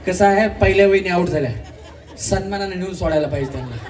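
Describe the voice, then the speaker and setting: A man hosting a live game show on an event stage, teasing contestants and shouting rhythmic game calls. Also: high voice, fast. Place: community event stage with audience. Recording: distant mic, faint crowd and noise.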